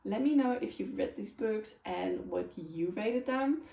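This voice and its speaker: A woman with a mid-range, creaky voice and a dark tone speaks at a measured pace, chatting casually and candidly to camera while reviewing books. English is her second language, and she's a book reviewer and vlogger. She sits far from the mic, and the room echoes noticeably.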